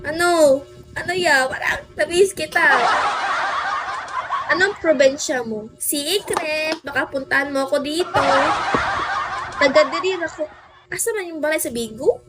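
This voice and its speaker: A woman's voice: high voice, a little slow, pauses often, over loud music. A woman from the Philippines with a Filipino accent, chatting on a livestream and greeting viewers by name. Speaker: livestream host. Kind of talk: casual livestream chat.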